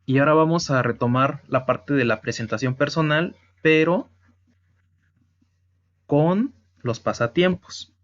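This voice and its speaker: Guy going slow thru french verb conjugations, kinda dull lo-fi sound. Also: on the high side. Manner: slow, explanatory, with restarts. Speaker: French teacher. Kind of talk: slide-based language lesson. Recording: dull lo-fi audio.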